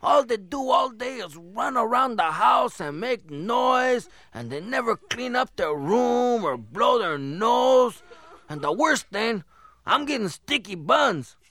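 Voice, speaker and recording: Male comic as a sick-and-tired storybook mother; bright, raspy edge. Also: very high voice, very animated, takes it slowly, heavily acted. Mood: exasperated. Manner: exasperated complaining. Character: fed-up mother of three messy pigs.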